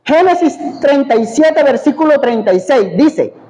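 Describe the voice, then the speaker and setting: Male pastor, high voice, teaching sermon with rhetorical questions, long church-hall reverb. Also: expressive, normal speed, dark tone. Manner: asks the congregation questions and answers them.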